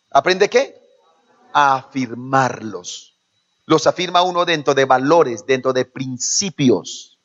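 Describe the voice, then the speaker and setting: This Colombian-accented pastor has a fairly high, slightly bright voice as he preaches in church, trading call-and-response with the congregation. He performs quoted parents in shifting voices; the sermon recording is dull and lo-fi.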